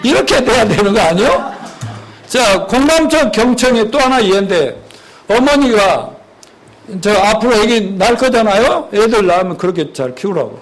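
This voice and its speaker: A pastor with a high, light voice gives a lively sermon. He moves between teaching and acting out little conversations, shifting his voice for each speaker. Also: moderate pace, low-quality recording. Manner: animated, acts out dialogues in different voices.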